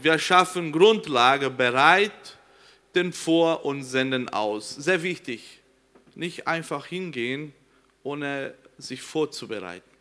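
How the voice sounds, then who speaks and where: Speaking German with a Brazilian accent, this missionary from Brazil, whose first language is Portuguese, gives an earnest presentation to a congregation. His mid-range voice sounds pushed and bright, and at times he hunts for the right word.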